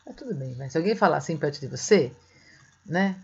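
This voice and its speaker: A woman with a Brazilian accent teaching a Portuguese grammar lesson in a chatty, gentle way, often asking "tá?" and "né?". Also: low voice, animated, brisk, vocal fry, breathy edge. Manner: chatty, ends phrases with "tá?" and "né?"; gentle, encouraging. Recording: slightly dull lo-fi sound.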